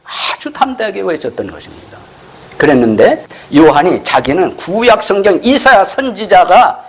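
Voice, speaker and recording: A man's voice: sits high, very animated, normal speed, husky. A man preaching a sermon in a church as pastor, often putting rhetorical questions to the congregation and acting out the scripture dialogue in changing voices.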